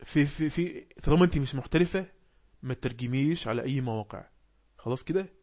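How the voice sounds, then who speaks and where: Fast-talking Egyptian man teaching English. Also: mid-range voice, a little mellow. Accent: Egyptian Arabic. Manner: explains words with quick questions to the class; reads English passages slowly. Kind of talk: online class for learners.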